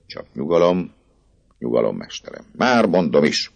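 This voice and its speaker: A man voicing a nervous, boastful male poet who talks in a rapid, fussy patter. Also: a bass voice, wildly swooping pitch, creaky, no echo, lo-fi sound, voice pushed up, heavily acted. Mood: fussing, muttering.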